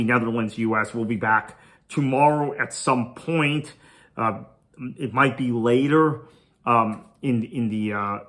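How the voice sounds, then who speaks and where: A man with a mid-range voice, bright and forceful in tone, hosts a podcast. Tamil is his first language, and he offers a solo preview of a cricket match, reasoning aloud conversationally.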